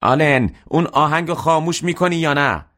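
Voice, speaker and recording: A man's voice: lowish voice, voice pushed up, lightly acted. A man voicing a harsh, exasperated middle-aged mother who scolds her sons. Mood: angry.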